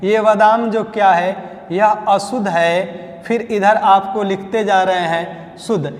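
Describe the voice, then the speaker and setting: A man with a Hindi accent teaching a spelling lesson in a coaching class. He drills each word by slow repetition and quizzing. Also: high-pitched, steady tone. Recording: echoey classroom hall.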